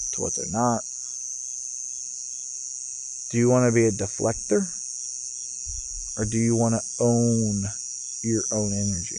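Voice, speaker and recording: A man with a medium-pitched voice records a casual, off-the-cuff spiritual monologue as a vlogger, musing in broken phrases with pauses. He sits in a rocking chair outdoors, and cicadas or crickets chirp in the noisy background.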